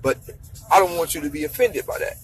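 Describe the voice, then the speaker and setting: A man in his thirties vlogs a casual motivational rant to camera, giving blunt, profane money advice and lecturing with lots of repetition for emphasis. He talks fast in a slightly high voice over soft background music, and the audio is poor.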